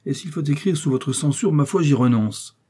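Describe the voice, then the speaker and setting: A man reading the lines of an eager, impatient young musketeer in a lively way. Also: fairly high pitch, moderate pace, husky, voice pushed up.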